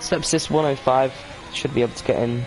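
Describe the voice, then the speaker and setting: Fairly quick and steady in tone, a medium-pitched male voice offers laid-back sim racing commentary. He sounds tired, yawns, hesitates, and fills his talk with ums and corrections.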